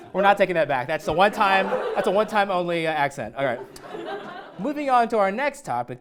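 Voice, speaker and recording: Animated playful comedy co-host. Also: mid-range voice. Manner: animated, playful, laughing through lines. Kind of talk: scripted comedy news delivery.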